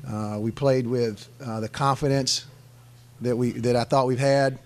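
Seated at a table with a desk microphone on a stand, a middle-aged head basketball coach takes press conference questions. His mid-range, steady voice moves a little slowly, and he answers with emphasis, often backing up to restart and repeat phrases.

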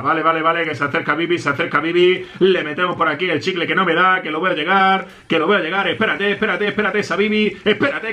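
Excitable gamer man, bright voice. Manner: excitable, shouts and jumps high in pitch at game moments. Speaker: gaming youtuber. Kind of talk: live gameplay commentary.

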